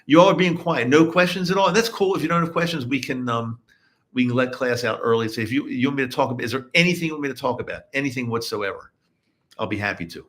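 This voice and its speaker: This middle-aged podcast host, originally from the US East Coast, runs a live show from his home in Utah, chatting casually with listeners. His mid-range voice is fast and a bit bright, and he rambles, often repeating words and restarting.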